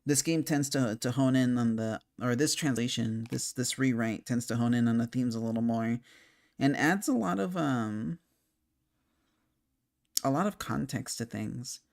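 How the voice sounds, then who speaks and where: A young man, a game commentator, rambles casually about a video game in an unhurried, gravelly voice of medium pitch and darkish tone. He thinks aloud with lots of fillers and restarts, hiccuping from time to time.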